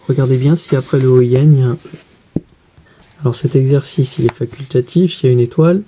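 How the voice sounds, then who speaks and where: A woman teacher guiding pupils through a reading workbook, spelling letters out slowly and carefully. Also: very deep voice, dark tone, slight background noise.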